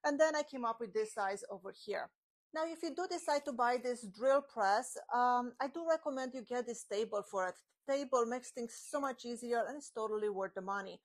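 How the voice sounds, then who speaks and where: A woodworking channel host in her forties, with a slightly high voice, chats casually through a step-by-step build at a moderate pace while handling boards and glue. A small clip-on mic on her shirt picks her up in a home workshop with the garage door open.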